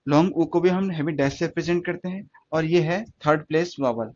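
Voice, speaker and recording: Slow-explaining male stenography teacher. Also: a little high, darkish tone, lo-fi sound. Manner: slow, repetitive explaining with questions to students. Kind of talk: classroom lesson.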